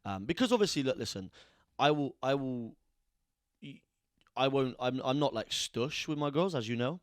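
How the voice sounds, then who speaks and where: A man's voice: medium pitch, animated, normal speed, no echo, studio quality. A young man, co-hosting a casual podcast and rambling with lots of restarts and easy laughter. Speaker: podcast co-host. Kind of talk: casual chat.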